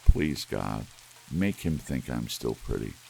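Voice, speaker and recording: A man voicing a devoted, anxious young wife in a soft ASMR storybook reading, earnest and pleading. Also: extremely low pitch, takes it slowly, vocal fry, pitched below the performer's own voice, exaggerated voice, poor audio. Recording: audible hiss under steady rain sounds. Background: soft rain.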